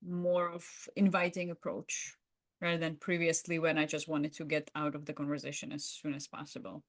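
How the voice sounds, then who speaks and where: In a roleplay and debrief on a chatty podcast, a female co-host offers warm encouragement. Her voice is low-pitched and level, at a normal speed.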